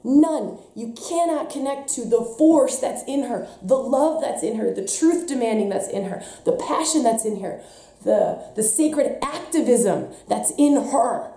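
This woman, a spiritual teacher, talks with passion and emphasis, shifting from soft to intense. Her fairly high voice is slightly stuffy, with lively intonation and a somewhat slow pace, recorded in a roomy space.

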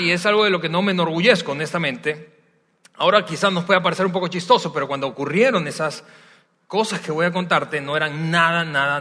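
A man preaching to a congregation in a big church, his bright, slightly high voice ringing out with a long reverb. He talks in a loose, conversational way, telling stories and pausing on small hesitations. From Venezuela. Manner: warm, conversational storytelling with frequent hesitations. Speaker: pastor. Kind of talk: sermon. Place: large church hall.

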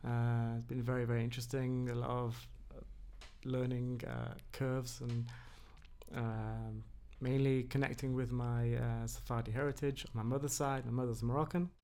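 Gravelly man, halting with many fillers. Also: mid-range voice, little pitch movement, a little mellow. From England. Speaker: podcast guest. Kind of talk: casual conversation.

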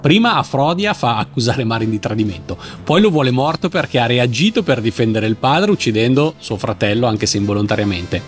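A man's voice: mid-range voice, animated, fairly quick, few pauses. A man co-hosting a casual chat, commenting in a thoughtful, reflective way. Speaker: co-host.

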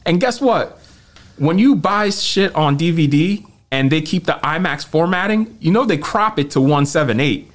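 A man with a slightly high voice, chatting casually on a podcast. He rants about movies in a profane, animated way, loose and unscripted. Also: normal speed. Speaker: podcast co-host. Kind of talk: casual chat.

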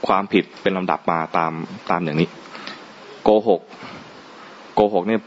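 A man's voice: low-pitched, moderate pace, slight background noise. A man giving a conversational Buddhist dhamma talk, often asking his listeners questions and chuckling. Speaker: Buddhist monk teaching dhamma. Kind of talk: dhamma talk to a live audience. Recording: dull lo-fi recording, faint ambience.

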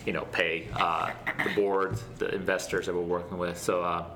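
A man answering interview questions casually as a guest, speaking in an earnest, reflective and halting way. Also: deep voice, little pitch movement, gravelly, bright, forceful tone, slight background noise. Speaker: interview guest, startup founder.

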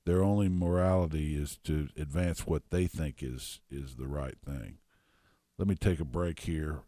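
A man's voice: a bass voice, measured pace, warm tone, no room sound, studio quality. A man hosting a political talk radio show, reading commentary aloud in a combative, scornful way with asides and fillers. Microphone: radio studio microphone.

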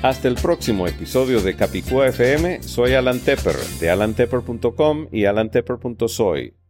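A man hosting a podcast, reading his script in a measured, precise way. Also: medium pitch, lively intonation, a little mellow, faint music behind. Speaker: podcast host.

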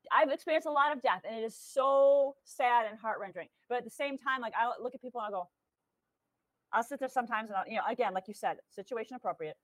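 A woman medium tells a story in a casual chat, her voice sitting a bit high and sounding dry and close. She talks animatedly and acts out the voices in what she tells. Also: fast, no echo, low-quality recording. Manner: lively, animated, acts out quotes with laughter. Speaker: guest medium.

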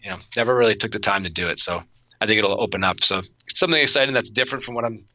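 A man's voice: on the low side, very fast, sharp tone. A man in his thirties talking casually as an interview guest, rambling with lots of restarts and fillers. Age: 30s. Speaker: podcast guest.

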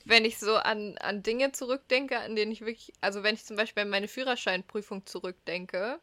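A woman's voice: medium pitch, brisk, bright, forceful tone, no room sound. A young woman co-hosting a casual podcast in a playful, teasing manner. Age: young adult. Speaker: podcast co-host.

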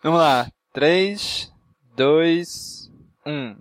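High-voiced Brazilian man hosting a podcast. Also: drawn-out words, dry recording. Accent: Brazilian Portuguese. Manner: informal, slangy, teasing. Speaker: podcast host. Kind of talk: casual podcast chat.

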